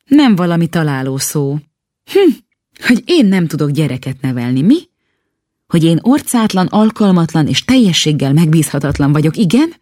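Woman as stern proud nanny, low voice, curt and haughty, storybook. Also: sing-song, darkish tone, no echo, clean studio sound. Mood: indignant.

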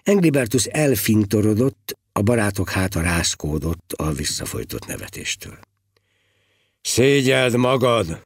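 A man reads a tale aloud with a husky, slightly rough voice and a pitch that rises and falls with plenty of life. The recording is dry and close, with no room sound. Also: hardly any pauses, no echo. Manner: expressive, dramatic reading. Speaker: narrator. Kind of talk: audiobook storytelling.

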